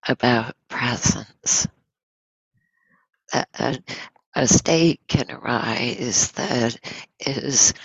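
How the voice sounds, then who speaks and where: A meditation teacher with a cold leads a guided meditation extremely slowly, her extremely low voice husky and creaky. She speaks gently in short phrases with pauses between them. The recording is close, dry and slightly dull.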